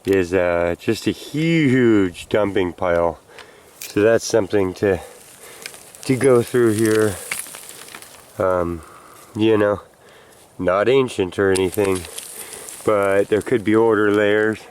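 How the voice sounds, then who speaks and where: Man, slow unhurried delivery, handheld camera outdoors, winded explorer. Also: lowish voice, a little mellow, slight background noise. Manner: rambling, thinking aloud while climbing. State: out of breath. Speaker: explorer vlogger. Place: outdoors on a rural hillside. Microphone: handheld camera mic.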